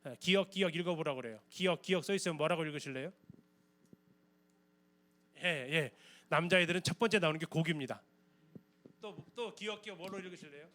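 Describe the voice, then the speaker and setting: A man's voice: fairly high pitch, fairly quick, long pauses, bright, forceful tone. A man giving a church Bible lecture, explaining in a conversational way and often asking the audience questions.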